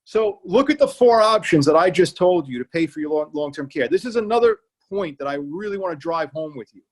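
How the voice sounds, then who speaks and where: An elder law attorney with an Irish accent gives a public library seminar talk as a remote online presentation. He's plain-spoken and keeps returning to key points to drive them home. His slightly high voice has lively intonation and a brisk pace.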